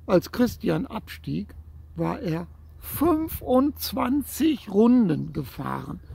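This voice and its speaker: A man reading a children's story aloud in a gentle way, speaking straight to the child listening, with a husky voice. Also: high voice, big pitch swings, slow pace.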